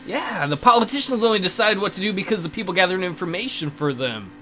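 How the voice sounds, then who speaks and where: A man co-hosting a let's play jokingly acts out the lines of an enigmatic male tutor from a visual novel, a character hinting at secrets, and ad-libs as he goes. His voice is high-pitched, animated, quick, pushed and bright. Guitar music plays behind him.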